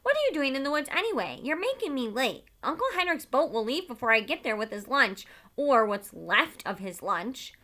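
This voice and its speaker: A woman's voice: sits high, sing-song, normal speed, hardly any pauses, bright, forceful tone, pitched above the performer's own voice, full character voice. A woman voicing a chatty, indignant young girl who plays silly, in a storybook read-aloud. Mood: impatient.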